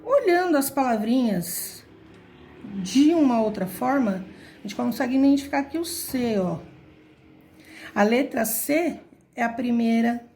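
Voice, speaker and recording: High-voiced woman teacher, patient. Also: darkish tone. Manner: patient, step-by-step counting aloud. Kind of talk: explaining a classroom word puzzle.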